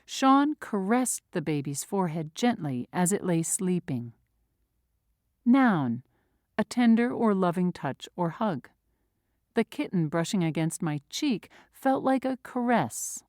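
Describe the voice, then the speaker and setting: A woman with a lowish, darkish voice and wide pitch swings slowly reads vocabulary words and their definitions aloud. She enunciates carefully, like a dictionary reading, in a clean studio recording without echo.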